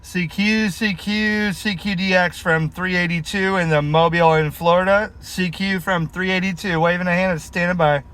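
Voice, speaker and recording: A man with a high-pitched voice makes CB radio calls from inside a vehicle. He delivers call signs and sign-offs in an informal, friendly way. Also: fairly even intonation, normal speed, few pauses, fairly bright tone, a little hiss or hum. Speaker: mobile CB radio operator.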